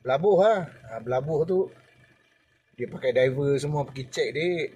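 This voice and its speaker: A man's voice: medium pitch, normal speed, mellow, husky. An older man with a Malaysian Malay accent, a former deckhand telling a story in a casual, chatty way, speaking to the listener as to a younger person and acting out what others said.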